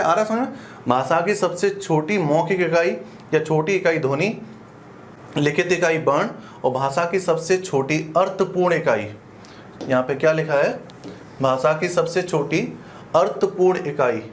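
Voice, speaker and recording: A man with a slightly high voice teaches an exam-prep grammar lesson, laying out each term step by step. He talks casually and keeps checking that the students are with him. A faint hiss of noise sits under the recording. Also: unhurried. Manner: explains step by step with frequent check-in questions; colloquial, uses "apan" for "we".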